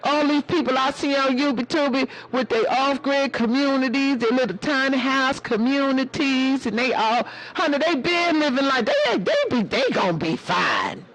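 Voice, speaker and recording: A sassy elder woman, as a man puts her on, lectures a live audience in a very high, hoarse voice. She preaches in a motherly way and calls everyone baby and honey. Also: animated, moderate pace, hardly any pauses, fairly bright tone, heavily acted, low-quality recording. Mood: preachy. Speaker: live-stream host. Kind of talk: preachy casual live-stream talk.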